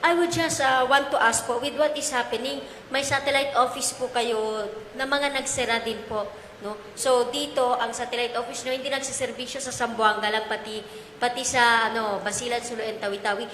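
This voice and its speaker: A woman's voice: fairly high pitch, steady tone, normal speed, a bit bright. A woman reporter with a Filipino accent politely asking a question, with frequent fillers. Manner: polite, many po and filler words. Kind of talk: press question. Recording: echoey hall with faint noise.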